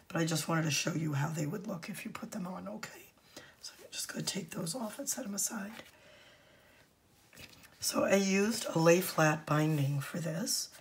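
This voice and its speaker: Female craft vlogger, hoarse lost voice, low and crackly, slipping into whispers, casual walkthrough delivery. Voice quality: husky, croaky, often breaking into a whisper. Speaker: craft channel host.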